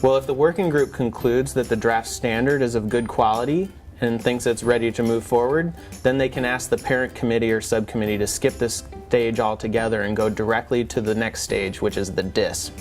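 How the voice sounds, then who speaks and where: Casting: male expert presenter, average pitch, patiently walking a listener through a process conversationally, soft music underneath. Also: steady tone, brisk, few pauses. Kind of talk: semi-scripted explanatory dialogue.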